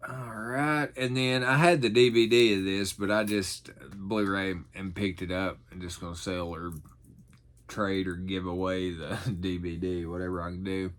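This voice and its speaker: A man's voice: low-pitched, steady tone, normal speed, a bit bright. A middle-aged man chatting casually in a folksy, rambling, self-deprecating way, as in an unscripted haul video. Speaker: vlogger showing thrift finds.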